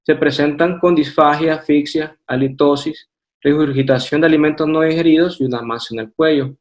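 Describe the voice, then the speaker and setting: A man with a Honduran Spanish accent presenting a radiology lecture from slides, methodical, with hesitant fillers and restarts. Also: fairly high pitch.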